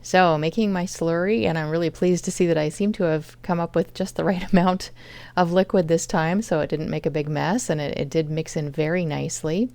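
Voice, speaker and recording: A woman with a low, slightly gravelly voice chats through her home cooking project step by step. Her tone is smooth and resonant, recorded dry with no room sound. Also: steady tone, fairly quick, dark tone, no room sound. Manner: chatty, explains each step. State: chronic fatigue. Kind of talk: casual cooking vlog narration.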